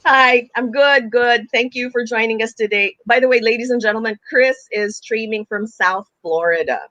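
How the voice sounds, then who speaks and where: Bright-toned male talk show host. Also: very high voice, moderate pace, no room sound, lo-fi sound. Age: late 40s. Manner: chatty, upbeat, laughs often.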